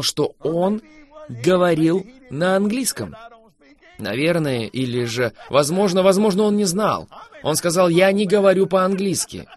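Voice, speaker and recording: Loud bursts give way to soft, drawn-out lines as a fervent male preacher speaks emphatically with a lively pitch during a preaching conversation.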